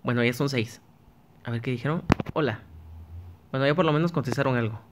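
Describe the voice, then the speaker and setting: A man's voice: medium pitch, a little fast, background noise. A man giving casual gameplay commentary, chatting to himself and his viewers as he plays, often restarting his sentences. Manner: chatty, talks to himself while playing, frequent restarts. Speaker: gaming YouTuber.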